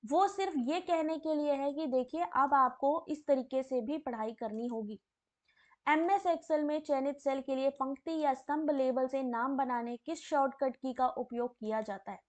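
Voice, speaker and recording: A high-voiced woman, hoarse from a sore throat, teaches a live online exam class. She reads out quiz questions and answers, then moves to chat messages, chatting away in a friendly manner and addressing viewers by name.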